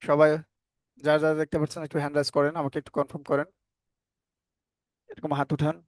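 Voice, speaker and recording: A man's voice: on the high side, completely flat delivery, quick pace, no echo. Firm man teaching English phonics online. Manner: repeats questions to students, firm and scolding at times. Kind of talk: live online class lecture.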